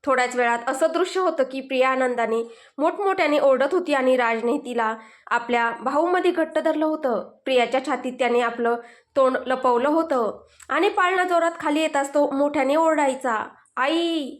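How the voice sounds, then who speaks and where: Woman storyteller, high voice, steady scripted narration. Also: moderate pace.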